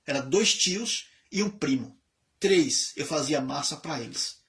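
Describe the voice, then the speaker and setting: An evangelist chaplain in his fifties, from Bahia, Brazil, shares his life story in a conversational sermon testimony. His voice is a little high and his pace measured, and he brings the story to life by acting out the voices of the people in it.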